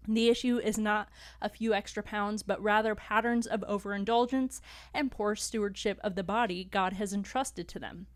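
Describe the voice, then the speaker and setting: A woman's voice: medium pitch, no echo. Laughing young woman, dry close sound. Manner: laughs often, reads smoothly. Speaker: podcast host. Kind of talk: casual chat and reading an article summary.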